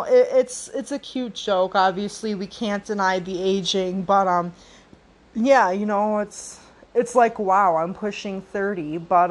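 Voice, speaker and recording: Podcast host, woman in her late twenties, mid pitch, slow and thoughtful, heavy on fillers. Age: 20s. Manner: slow, reflective, many fillers and restarts. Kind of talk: casual solo podcast talk.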